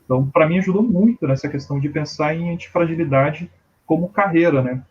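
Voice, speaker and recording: A Brazilian man with a Brazilian Portuguese accent, a podcast guest chatting casually and relaxed, often saying "cara". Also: a little high, brisk, husky, muffled recording. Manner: relaxed, filler-heavy, says "cara" often.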